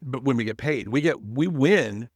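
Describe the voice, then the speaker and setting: A man hosting a real estate podcast, talking emphatically, with big swings in pitch and loudness. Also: animated, moderate pace, dry recording. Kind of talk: casual podcast chat.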